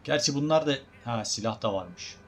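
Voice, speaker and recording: A man's voice: medium pitch, expressive, normal speed, fairly bright tone, slight background noise. A man giving casual, joking let's-play commentary as a gaming YouTuber, talking to his viewers as guys.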